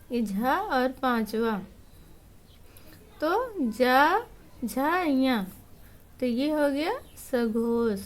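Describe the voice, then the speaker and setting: Slow, high-voiced woman teaching grammar. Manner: patient, repeats points step by step. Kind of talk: Hindi grammar lesson.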